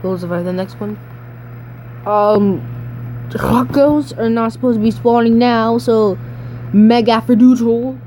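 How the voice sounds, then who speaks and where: A woman giving casual gameplay commentary, excitable and rambling, jumping into high squeals and dropping to mutters. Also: a little slow, pauses often, slight background noise, rough recording. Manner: rambling, trails off mid-sentence. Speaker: gaming channel host.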